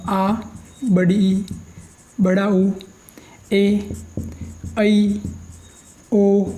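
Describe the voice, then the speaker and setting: Mellow-voiced male teacher dictating slowly. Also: high voice. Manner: dictates slowly while writing, repeating phrases; asks questions and answers them himself. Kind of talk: grammar lesson for students.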